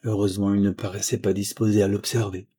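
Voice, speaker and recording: Husky male audiobook narrator. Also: fairly low pitch, level tone, quick pace, mellow.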